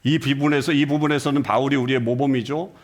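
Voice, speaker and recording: Speaking fast with a medium-pitched, fairly even intonation, a middle-aged man delivers a sermon as senior pastor in a church sanctuary. He poses rhetorical questions to the congregation and performs brief dialogues, shifting his voice for each.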